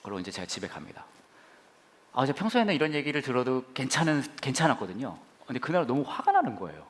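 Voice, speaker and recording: A man pastor telling stories in a humorous sermon, playful and animated, acting out others and bursting into shouts. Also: medium pitch, fast. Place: church sanctuary.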